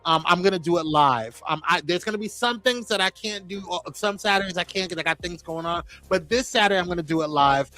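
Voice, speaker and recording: A man's voice: high voice, fairly quick, hardly any pauses, pushed and bright. A man hosting a live-streamed talk show, greeting viewers by name in a playful, chatty way. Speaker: host.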